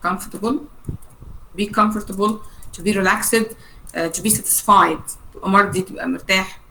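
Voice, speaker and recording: A woman's voice: medium pitch, fairly even intonation, vocal fry, pushed and bright, a little hiss or hum, poor audio. Bilingual Egyptian woman teaching English. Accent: Egyptian Arabic. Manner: switches between Arabic and English, slow dictated English and rapid Arabic asides; checks on the class with frequent "okay?" and "right?". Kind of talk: classroom lecture.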